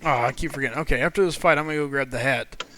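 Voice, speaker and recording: A man's voice: mid-range voice, rapid-fire, pushed and bright, slight background noise. A man in casual banter as co-host of a gaming show.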